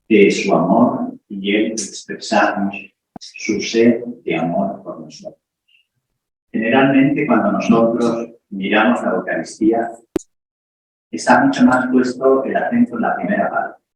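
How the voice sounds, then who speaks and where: Priest in an echoey, distant hall. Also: male voice, on the low side, a little hiss or hum. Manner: conversational, thinking aloud with fillers and restarts. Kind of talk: talk to a parish group. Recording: echoey room heard from far off, dull sound.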